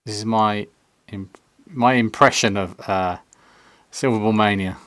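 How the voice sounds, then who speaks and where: Casting: man, lower pitch, dry close mic, relaxed self-mocking live-stream chat from a home workshop. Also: a little slow, dry recording. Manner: chatty, self-mocking, drops to near-whisper while concentrating. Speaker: maker streaming a pinball build. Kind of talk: casual live-stream chat while painting. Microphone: separate desk mic, not on camera.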